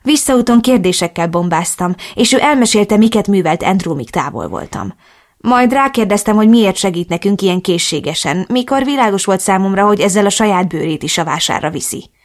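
A woman reading a first-person novel aloud as audiobook narrator, in a steady, clear storytelling manner. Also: medium pitch.

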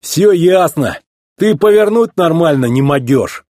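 A folksy, chatty tow truck, as a man puts him on, rambling in rustic, broken grammar. His husky voice sits higher than plain talk and carries lively swings. The sound is dry and close, like a storybook reading. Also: a little slow, no room sound. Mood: boastful folksy.

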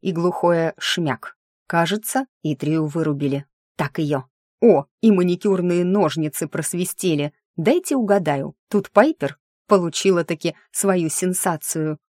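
A woman's voice: on the low side, measured pace, a little mellow, no room sound. A woman reading a first-person audiobook in a wry, sardonic inner-monologue manner, close to the mic. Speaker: audiobook narrator.

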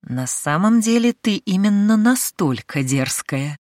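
A woman's voice: mid-range voice, lively intonation, measured pace, darkish tone, no room sound, studio quality, pitched above the performer's own voice, close to an everyday voice. A woman voicing a capricious young noblewoman in an audiobook, with a demanding, sarcastic manner. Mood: smug.

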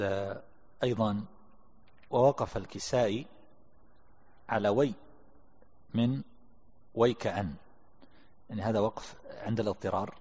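A man teaching a religious text, reading passages aloud and explaining them in a calm lecture. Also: fairly low pitch, husky. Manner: calm explanatory, reads quotes aloud then comments. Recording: lo-fi recording in a reverberant hall.

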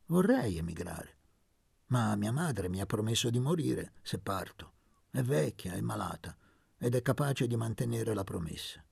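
A man's voice: fairly low pitch, sing-song, a little slow, creaky, darkish tone, slightly rough, dry recording, exaggerated voice. A man voicing a young male medical student who talks bluntly and frankly about his poor prospects.

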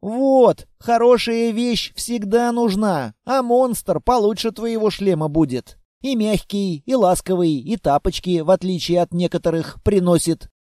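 A man voicing a capricious, haughty young wife who is shrill and theatrical. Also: unhurried, hardly any pauses, mellow, no room sound, clean studio sound. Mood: demanding.

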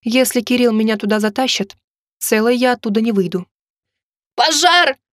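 A woman reading a romance novel aloud in expressive first-person narration. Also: a little high, a little fast, no echo, studio quality. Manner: expressive storytelling delivery. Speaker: audiobook narrator.

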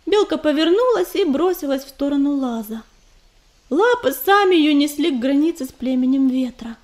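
A woman reads an audiobook aloud in a high, expressive voice. She tells the story with lively, shaded delivery, scripted and clear. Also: normal speed. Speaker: audiobook narrator. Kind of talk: scripted narration.

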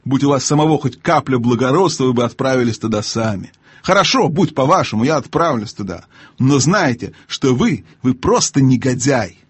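A man's voice: medium pitch, animated, moderate pace, husky, dry recording. A man doing a brave outspoken boy. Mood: angry. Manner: blunt, indignant.

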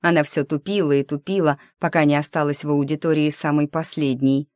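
A woman reads a novel aloud in a low, even voice. The recording is close and dry, with no room around it. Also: fairly quick, dry recording. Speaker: audiobook narrator. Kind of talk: scripted narration.

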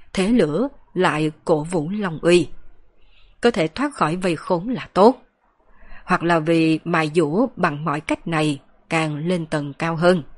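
A woman reading a fantasy novel aloud as an audiobook narrator, steady and even. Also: fairly low pitch. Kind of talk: scripted narration.

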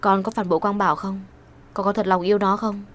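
A woman's voice: mid-range voice, level tone, fast, a little hiss or hum, close to an everyday voice. A woman voicing a caring, firm older mother-in-law in an audio story, scolding tenderly. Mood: concerned.

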